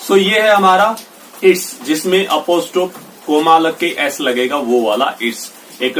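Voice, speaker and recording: A male teacher giving a spoken grammar lesson, slowly reading out English example sentences one by one. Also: fairly high pitch, fairly bright tone, distant mic, slight background noise. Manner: explains slowly, reads English examples out deliberately. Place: indoors with rain heard outside. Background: rain.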